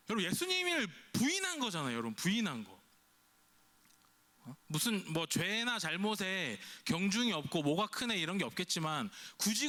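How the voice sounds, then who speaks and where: Preaching to a youth service in a high, bright, forceful voice, this male pastor keeps his sermon chatty and full of questions for the congregation. He often performs imagined dialogue in a quoted voice.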